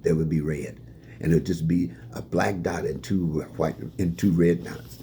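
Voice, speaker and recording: Here the retiring staff member, an older man from Fort Wayne, Indiana, speaks low and at a moderate pace, answering questions with chuckling, animated anecdotes about what life has taught him. Slight background noise can be heard.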